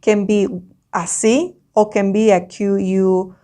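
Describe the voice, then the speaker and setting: Teaching a slow language lesson in dictation style, a Spanish-accented native Spanish speaker repeats words and sounds intentionally for her learner. Her mid-range voice is dark in tone with little pitch movement.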